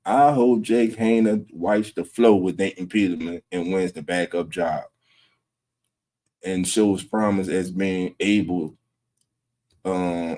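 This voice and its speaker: Slow-talking low-voiced man hosting a fan stream. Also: a little mellow. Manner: laid-back, chuckling, greets viewers by name. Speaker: host of a fan sports livestream. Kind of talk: casual livestream talk, reading chat. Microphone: streaming setup.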